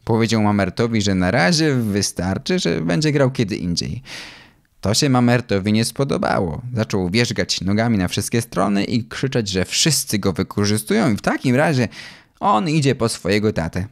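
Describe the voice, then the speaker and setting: A man's voice: fairly low pitch, expressive, moderate pace, creaky. A man reading a children's audiobook aloud, narrating in first person as a young boy. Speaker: audiobook reader.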